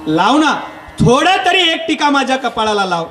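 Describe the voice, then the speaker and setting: A man's voice: extremely high pitch, big pitch swings, normal speed, slight background noise, exaggerated voice. A man doing a playful young cowherd god. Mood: coaxing. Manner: coaxing, gently insistent. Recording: echoey hall with music behind.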